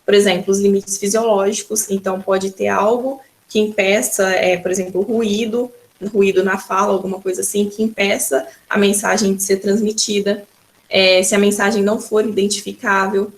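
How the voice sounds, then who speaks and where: A woman teacher with a Brazilian Portuguese accent gives a recorded school lesson, explaining patiently and often opening her sentences with "então." Her voice is medium-pitched, with a flat delivery at a moderate pace.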